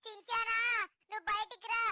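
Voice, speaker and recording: Childlike robot cat: very high, bright and shrill, whiny and accusing, cartoon dub. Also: female voice, monotone, a little fast, a little hiss or hum, heavily acted.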